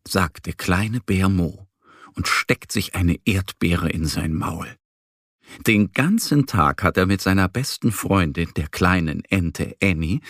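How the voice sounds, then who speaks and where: A man narrating a children's story in an expressive storytelling manner. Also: low voice, dry recording, studio quality.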